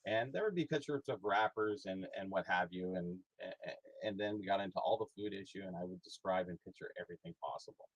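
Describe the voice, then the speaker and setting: A man's voice: deep voice, brisk, few pauses, no room sound, rough recording. A middle-aged man talking casually as a guest, rambling with many fillers and restarts. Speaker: guest, hobby historian and price guide author. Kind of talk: casual conversation.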